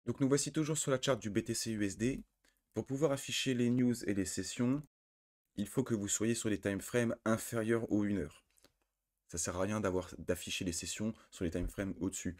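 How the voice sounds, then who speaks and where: Deep-voiced French man explaining software. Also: fairly even intonation, moderate pace. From France. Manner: explains step by step with many fillers and self-corrections. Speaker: trading indicator tutor. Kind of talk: screen-recorded software tutorial.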